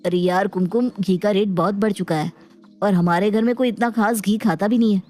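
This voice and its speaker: A woman's voice: medium pitch, fairly even intonation, fairly quick, darkish tone, faint music behind, voice pushed down, lightly acted. A woman voicing a stingy grown man, a husband who brushes off his wife's request in a cartoon. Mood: dismissive. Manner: brushes off the request, grumbling about price. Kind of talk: cartoon voice acting.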